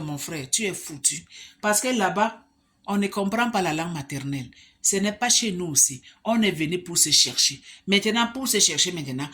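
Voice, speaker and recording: Speaking in a lowish, somewhat bright voice, a woman from Africa addresses the camera directly as a vlogger. She fires emphatic rhetorical questions at her audience throughout the monologue.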